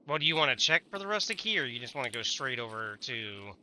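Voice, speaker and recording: A man's voice: mid-range voice, sing-song, a little fast, sharp tone, a little hiss or hum. A man streaming a game, chatting casually with a teammate, swearing often and trailing off mid-sentence. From United States. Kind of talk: casual gaming chat.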